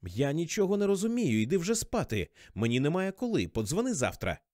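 An impatient young woman on a late phone call, voiced by a man, higher and brisk as she tries to hush a drunk caller. Her voice swings lively in pitch and sounds dry and close, with no room sound. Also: dry recording. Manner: impatient, soothing.

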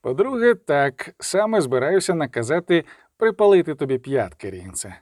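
A man voicing a cold, sardonic middle-aged male coroner who speaks in a measured, menacing way. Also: on the high side, big pitch swings, darkish tone, no room sound, studio quality. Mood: mocking.

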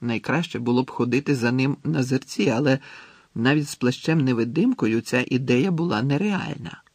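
Man reading a story, husky. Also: medium pitch, normal speed, a little mellow, no echo. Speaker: audiobook narrator. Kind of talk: storybook narration.

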